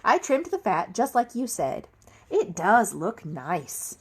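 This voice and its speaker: A woman's voice: medium pitch, very animated, slow, slightly rough, voice pushed up, heavily acted. A woman voicing a cheerful, literal-minded storybook housemaid, chirpy, earnest and eager to please. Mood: pleased, eager.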